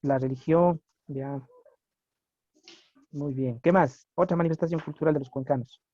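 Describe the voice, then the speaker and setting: Guy teaching a class, dark mellow voice, dry muffled lo-fi sound, keeps asking right?. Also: fairly high pitch, fairly even intonation, measured pace, dry recording. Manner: checks understanding with frequent tag questions. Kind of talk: classroom lecture with questions to students. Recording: muffled lo-fi recording.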